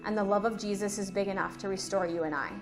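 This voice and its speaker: A woman teaching a children's Bible lesson with enthusiastic, expressive storytelling. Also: mid-range voice, quick pace, over music.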